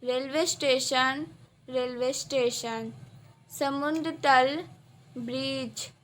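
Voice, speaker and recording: Slow, bright-voiced woman teacher. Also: high voice, steady tone, slight background noise. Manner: slow, deliberate repetition of each word pair. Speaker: English teacher. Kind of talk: slow vocabulary drill, word then translation.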